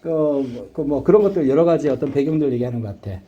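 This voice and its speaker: A man's voice: on the high side, warm tone, lo-fi sound. A middle-aged man teaching an English reading lesson, blunt and casual, constantly asking his students whether they understand. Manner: checks understanding constantly with quick questions. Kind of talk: classroom lecture.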